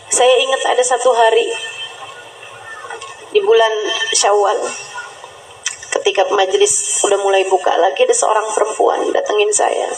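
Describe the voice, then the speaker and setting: A woman Islamic preacher giving an earnest, exhorting sermon. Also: fairly high pitch. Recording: echoey with faint music.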